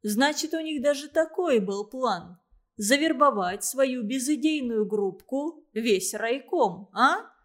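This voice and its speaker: A woman voicing a stern, domineering male party official who accuses and shouts. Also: sits high, lively intonation, takes it slowly, full character voice. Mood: accusing. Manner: hectoring and loud.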